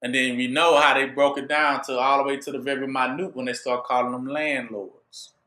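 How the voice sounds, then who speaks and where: A man's voice: medium pitch, level tone, normal speed, sharp tone, echoey room. A man preaching a sermon, drawing his listeners in with rhetorical questions he leaves for them to finish. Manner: call-and-response rhetorical questions.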